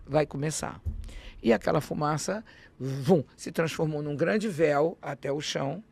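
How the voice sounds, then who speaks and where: Gravelly woman telling a story. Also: low voice, a little slow. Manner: animated, acts out dialogue, frequent restarts. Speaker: interview guest. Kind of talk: personal storytelling in a podcast interview.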